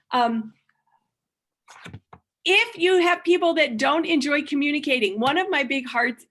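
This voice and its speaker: A woman's voice: fairly high pitch, a bit bright. A woman giving a workshop presentation, earnest and thinking aloud, with frequent restarts and repeated words. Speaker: conference speaker.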